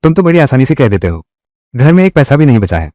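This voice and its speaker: A man's voice: mid-range voice, big pitch swings, quick pace, warm tone, no echo, studio quality, lightly acted. A man voicing heated, scolding family quarrels in dubbed drama dialogue. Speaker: voice actor dubbing a village family drama.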